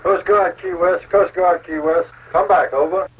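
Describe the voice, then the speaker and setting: A clipped, procedural boat captain comes through a marine radio, his fairly high voice set back from the mic. The sound is dull and old, with a faint hiss underneath. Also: fairly even intonation, a little slow, slightly rough. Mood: urgent. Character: shrimp trawler captain calling the Coast Guard. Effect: marine radio transmission. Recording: dull distant old film audio with faint noise.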